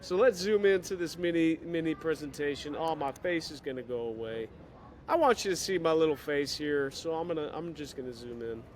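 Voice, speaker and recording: Man, Chicago accent, somewhat high voice, energetic and chatty, casual video update, airport terminal. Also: a little fast. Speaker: digital marketing consultant for auto dealers.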